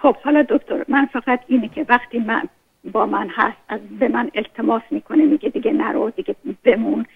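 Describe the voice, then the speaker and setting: A woman's voice: fairly high pitch, gravelly, husky. A woman calling in to an advice show, hesitant and defensive, stumbling over her words. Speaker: caller. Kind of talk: phone-in conversation. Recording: tinny phone line.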